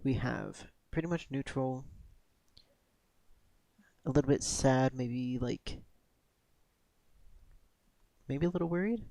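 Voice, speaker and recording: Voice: medium pitch, vocal fry, a little mellow, dry recording. A game streamer giving casual let's play commentary and reading dialogue choices aloud. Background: game music.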